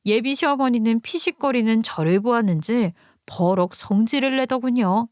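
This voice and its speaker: A woman's voice: a little high, moderate pace, darkish tone, dry recording, studio quality. A woman telling a first-person story on story radio, speaking straight to listeners in an indignant storytelling tone. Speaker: storyteller narrator.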